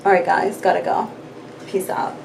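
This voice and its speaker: A woman's voice: lowish voice, level tone, moderate pace, creaky, noisy background. Chatty woman vlogging in an echoey room. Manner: chatty, scattered, many fillers. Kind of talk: casual rambling vlog chat. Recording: echoey room, mic far off.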